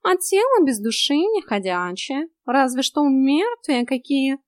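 A woman's voice: sits high, lively intonation, unhurried, no echo, clean studio sound, voice pushed up. A woman voicing a grumbling, sarcastic male talking cat in an audiobook. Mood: snarky. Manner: sarcastic, scolding.

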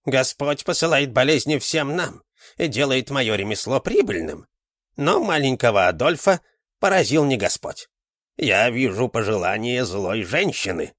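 A man voicing an old male village fortune-teller who is sly and ominous, with excited exclamations and drawn-out words. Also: medium pitch, dry recording, clean studio sound, pitched above the performer's own voice.

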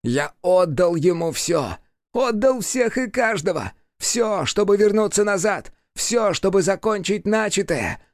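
A man's voice: a little high, moderate pace, gravelly, darkish tone, dry recording, clean studio sound, voice pushed up. A man voicing a vengeful, anguished male demon in an audiobook, shrieking and wailing on the edge of tears. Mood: frenzied. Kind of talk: audiobook character voice.

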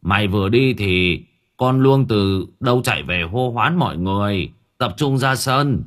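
A man's voice: fairly low pitch, animated, a little slow, fairly bright tone. A man voicing a blunt village man in an audiobook. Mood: uneasy.

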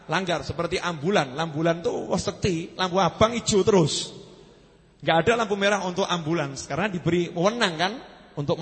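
A high-voiced man preaching with a Javanese accent, animated and joking with the gathering. His voice carries a long hall reverb behind it. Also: gravelly. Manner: animated, jokes and mixes in Javanese phrases. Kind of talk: sermon.

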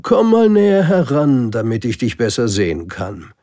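A man voicing a pompous old king in a storybook, giving loud commands. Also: mid-range voice, huge pitch swings, moderate pace, dry recording, studio quality, pitched above the performer's own voice. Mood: commanding. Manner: commanding, declaiming orders. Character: pompous old king, bossy but kindly.

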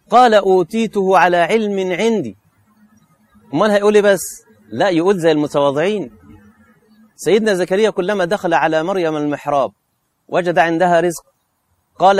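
A man with an Egyptian accent preaching a colloquial sermon, emphatic and scolding, firing rhetorical questions. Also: high voice. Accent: Egyptian Arabic.

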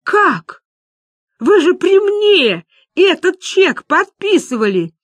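A woman voicing a distraught older woman who wails and cries out in a high, drawn-out voice. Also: big pitch swings, dry recording. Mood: indignant.

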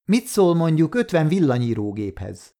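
Blunt, cagey small-time thief pitching stolen goods, lively pitch, man reading.

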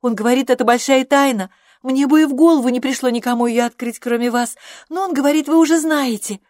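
An excitable, naive young woman voiced by a female reader gushes breathlessly in a high, bright voice, recorded dry and close to the microphone. Her lines tumble out eagerly, as if in an audiobook performance. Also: fast talker, no echo, natural voice.

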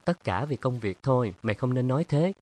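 A man's voice: medium pitch, lively intonation, brisk, darkish tone, pitched above the performer's own voice, lightly acted. A man voicing a stubborn, weary young woman in an audiobook, with firm, defensive retorts. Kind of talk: audiobook character reading.

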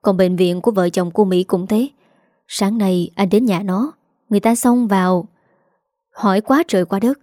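Woman reading middle-aged son, earnest, pleading, warm voice, dry. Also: medium pitch, moderate pace, dry recording, lightly acted. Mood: worried. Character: worried middle-aged eldest son, patient and dutiful.

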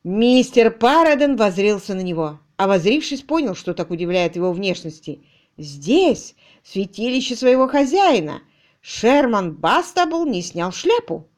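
Lively woman reading a comic novel. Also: medium pitch, unhurried. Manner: lively, expressive storytelling. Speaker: audiobook narrator. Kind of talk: expressive audiobook narration.

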